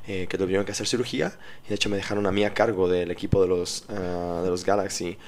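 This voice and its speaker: A man with a Mexican accent, a strength coach from Mexico City, telling his career story calmly with many fillers, recorded in a hotel room. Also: deep voice, fast talker. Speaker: guest, strength and conditioning coach. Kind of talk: casual podcast interview. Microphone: portable recording kit.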